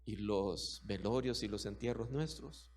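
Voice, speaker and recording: A man's voice: fairly low pitch, a little slow, darkish tone. A middle-aged man preaching a sermon as pastor, emphatic and repetitive, full of rhetorical questions.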